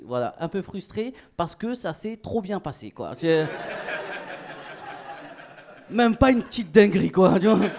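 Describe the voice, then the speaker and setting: A man doing stand-up comedy in a club, talking in a casual, slangy way and chatting with the crowd. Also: high voice. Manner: casual slangy, animated, laughing through punchlines.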